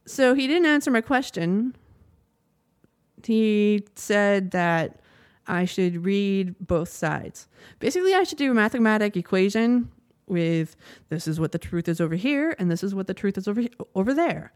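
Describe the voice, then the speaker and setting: A young adult woman hosts a casual podcast, telling a story in a chatty, rambling monologue with frequent laughs. Her medium-pitched voice is sing-song and a little mellow at a normal speed, in clean studio sound with no room sound.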